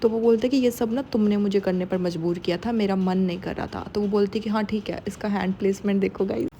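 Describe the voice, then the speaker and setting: A woman's voice: medium pitch, fairly even intonation, fast talker, dark tone, slight background noise. A young woman casually retelling a drama scene by scene, quoting each line of dialogue with her own asides. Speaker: drama recap narrator. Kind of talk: casual storytelling recap.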